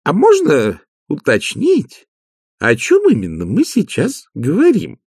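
A man's voice: fairly high pitch, huge pitch swings, a little slow, slightly rough, dry recording, clean studio sound, voice pushed up, exaggerated voice. A man reading an audiobook, voicing a nosy, cheeky old woman who asks teasing, innocent-sounding questions. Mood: sly. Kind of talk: audiobook character voice.

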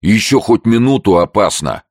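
A man voicing an excited young male engineer who shouts a countdown and reports from a screen in a storybook reading. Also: low voice, drawn-out words, no echo, studio quality, voice pushed up, exaggerated voice. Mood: excited shouting. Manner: shouting, eager.

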